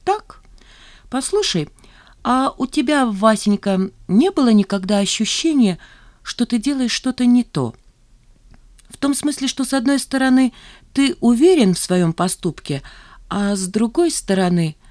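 A woman reading an audiobook, voicing a proud, sharp-tongued young woman. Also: fairly high pitch, lively intonation, measured pace, dry recording, clean studio sound, voice pushed up. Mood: bitter, haughty. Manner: haughty, cutting retorts.

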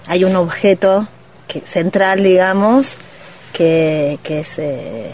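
A woman with an Argentine accent hosting a radio interview, attentive and prompting with soft acknowledgments. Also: on the low side, slow pace, a little hiss or hum. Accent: Argentine Spanish. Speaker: radio host.

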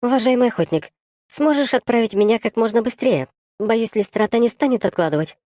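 A man reading an audiobook, voicing a small, pompous female squirrel empress in a squeaky, imperious voice. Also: a little fast, darkish tone, no echo, clean studio sound. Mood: haughty. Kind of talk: audiobook character voice.

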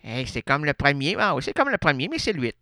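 A man's voice: a little high, sing-song, quick pace, sharp tone, no room sound, studio quality. A man with a Québécois accent hosting a radio show, rambling through absurd monologue and playful wordplay with lots of hesitations. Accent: Québécois French. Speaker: radio host. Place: radio studio.

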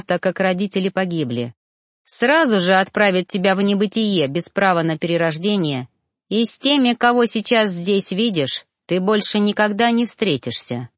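A woman's voice: mid-range voice, no room sound, studio quality, lightly acted. A woman doing a stern, cold old elder man.

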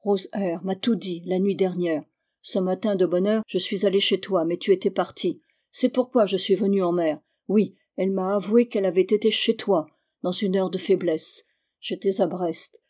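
A woman's voice: medium pitch, steady tone, moderate pace, close to an everyday voice. A woman reading as a jealous, furious island man. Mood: grim. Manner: hushed, threatening.

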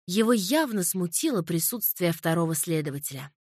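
A woman reading a crime novel in a calm, measured narration. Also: lowish voice, no room sound, studio quality. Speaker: audiobook narrator. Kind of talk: scripted narration.

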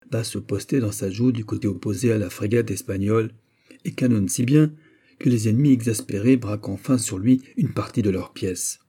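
Guy narrating an old sea story, measured, husky voice. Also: fairly low pitch, mellow. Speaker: audiobook reader. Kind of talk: literary narration.

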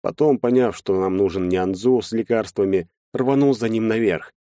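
A man reading a first-person audiobook in steady, measured storytelling on a close mic. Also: on the low side, dry recording. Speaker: audiobook narrator.

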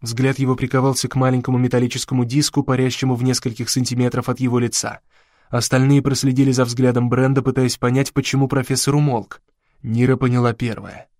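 A man narrating an audiobook in an ordinary mid-range voice, measured and dramatic. The recording is close and completely dry. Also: medium pitch, little pitch movement, darkish tone, no echo.

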